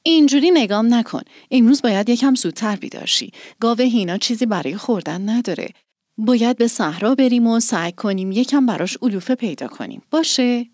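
A woman doing a bright little village girl. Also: fairly high pitch, animated, no room sound, clean studio sound, natural voice. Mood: coaxing. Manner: bright, eager, coaxing. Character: cheerful ten-year-old village girl.

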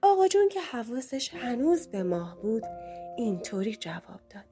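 A woman telling a story in the first person, her voice rising and falling in lively swings. Her pitch sits somewhat high. Soft music runs faintly beneath. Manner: expressive storytelling. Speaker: narrator.

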